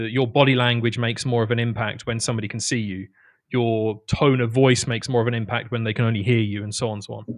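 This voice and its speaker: A man's voice: medium pitch, dry recording. Guy cohosting a podcast, gets fired up and repeats himself, dry close sound. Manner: emphatic, repeats words and restarts when worked up. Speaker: podcast co-host. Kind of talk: casual podcast chat.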